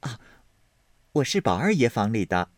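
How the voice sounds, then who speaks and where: A man's voice: mid-range voice, sing-song, moderate pace, no room sound, clean studio sound. A man doing an eager young maidservant. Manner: eager, deferential, anxious. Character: quick clever young maidservant.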